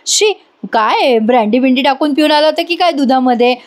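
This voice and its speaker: A woman voicing an irritated young wife who snaps out quick questions. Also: high-pitched, natural voice. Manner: snapping, rapid questions.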